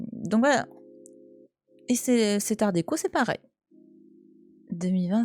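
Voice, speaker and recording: A chatty, teasing French woman in her thirties streams casually from home, bantering with her viewers as she plays. Her voice sits at a middling pitch, and faint music plays under her talk. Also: dark tone, no room sound. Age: 30s. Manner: chatty, teasing, talks back to chat. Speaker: Twitch streamer. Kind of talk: casual live-stream chat while playing. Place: at home, cat nearby.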